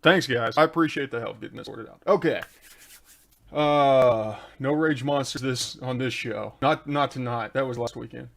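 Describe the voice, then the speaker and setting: A man with a creaky, mid-range voice hosts a live stream at a moderate pace, casually answering viewers' engine-tuning questions one at a time. He stays laid-back and chatty, talking into a desk microphone that he adjusts partway through the show.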